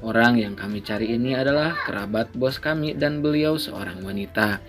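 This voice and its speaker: A man playing a courteous searcher in a storybook, calm and reassuring, with a middling pitch. He sounds in no hurry. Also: moderate pace, lightly acted. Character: polite adult male searcher on a bus.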